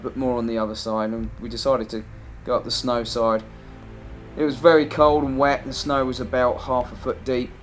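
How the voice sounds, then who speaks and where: A man giving a casual, plain-spoken, conversational voice-over for his own amateur hunting footage. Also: mid-range voice. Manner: plain, matter-of-fact, conversational. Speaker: amateur hunter narrating own video. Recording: music behind the voice-over. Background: background music.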